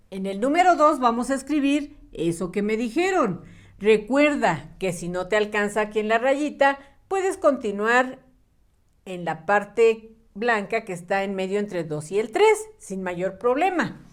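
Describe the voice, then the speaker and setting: Lady teacher, super slow and patient, stretches out words for little kids. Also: medium pitch. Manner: patient, sing-song, draws out words and syllables. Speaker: primary school teacher. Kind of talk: slow, clear early-reading lesson for small children.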